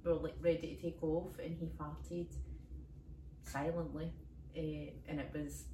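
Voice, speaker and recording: Scottish woman, comic podcast co-host, low-set voice, rambling anecdotes, phone mic in an echoey room, faint hiss. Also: flat delivery, unhurried, warm tone, recorded from a distance. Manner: rambling storyteller, laughs often. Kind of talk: casual comedic chat.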